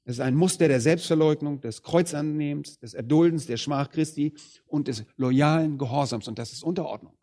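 A man preaching a sermon, addressing the congregation directly. He stresses some phrases loudly and drops others low and quiet. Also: brisk. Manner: emphatic, swings between loud stresses and quiet low phrases.

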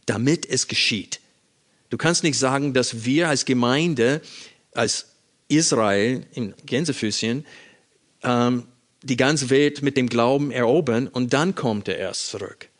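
A man's voice: mid-range voice, unhurried. Male preacher, Bible-teaching sermon, reads verses and explains them, speaks straight to the congregation. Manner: questions and addresses the listener directly.

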